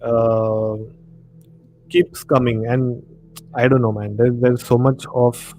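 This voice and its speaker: On poor audio with soft background music, a man with an Indian accent hosts a casual live discussion. His medium-pitched voice is flat, slow, and a little mellow, and he rambles while repeating words for emphasis. The room ambience and background noise are clear.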